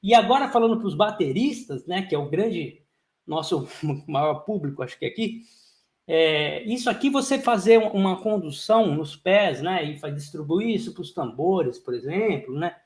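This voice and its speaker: A man with a high voice gives an online drum lesson, talking through odd meters and then chanting rhythm syllables in fast, even runs. He is heard over a video call, and the room around him adds a noticeable echo. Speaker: drum teacher. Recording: roomy echo.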